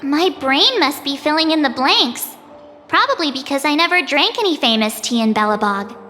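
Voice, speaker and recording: A perky young adventurer, girlish and high with a bright edge. Her candid, casual game dialogue rings with long reverb over music. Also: normal speed. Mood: sheepish, playful. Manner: casual, expressive. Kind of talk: video game voice acting.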